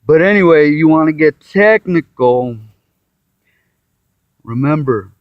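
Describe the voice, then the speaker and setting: A man's voice: fairly high pitch, lively intonation, slow pace, clear, resonant tone, dry recording. A tired man giving a casual, rambling talk on the Bible, sighing, restarting and acting out quotes as he goes. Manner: meandering, with sighs, restarts and acted-out quotes. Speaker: self-taught Bible commentator. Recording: dull, muffled lo-fi audio.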